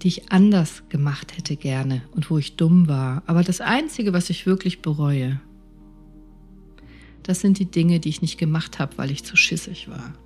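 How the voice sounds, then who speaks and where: A woman's voice: sits low, normal speed, faint music behind. A woman doctor vividly telling a personal story, acting out the dialogue. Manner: vivid, animated retelling with acted dialogue.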